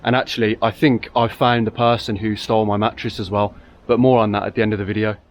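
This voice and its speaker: A man's voice: fairly low pitch, level tone, fast, a little hiss or hum. A man hosting a casual car repair vlog, chatting and thinking aloud with dry asides as he works in a garage. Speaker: car repair channel host.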